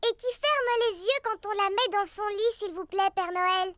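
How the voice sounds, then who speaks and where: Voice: very high voice, normal speed, sharp tone, no room sound, studio quality. A performer playing a cheeky, curious, chatty little girl piglet in a French children's cartoon. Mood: eager, polite.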